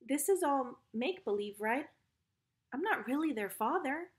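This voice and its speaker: A woman's voice: sits high, lively intonation, moderate pace. A woman voicing a carefree, jolly boy who does not want to grow up. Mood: scared. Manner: jolly, boyish.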